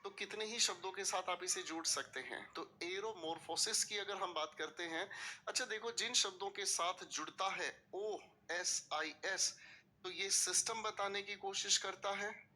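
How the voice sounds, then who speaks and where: A man's voice: sits high, a little slow, pushed and bright, a little hiss or hum. A man teaching English vocabulary in a classroom-style video lecture, explaining patiently and asking students to repeat words. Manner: mixes English terms into Hindi explanation.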